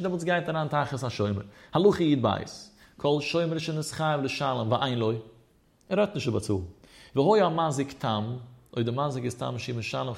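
A man's voice: fairly high pitch, vocal fry. A man giving a lesson on religious law. He reads Hebrew passages in a rising and falling study cadence, then explains them.

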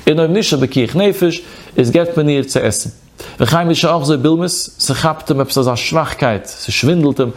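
A man's voice: fairly high pitch, normal speed. A man with a Yiddish accent giving a rabbinic lecture in a chanting sing-song study cadence. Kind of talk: Torah lecture on Yom Kippur fasting law.

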